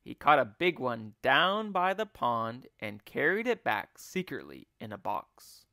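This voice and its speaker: Slow, animated man reading a storybook. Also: mid-range voice, dry recording, clean studio sound. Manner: expressive, deliberate reading. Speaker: English teacher. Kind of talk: children's read-aloud storytelling.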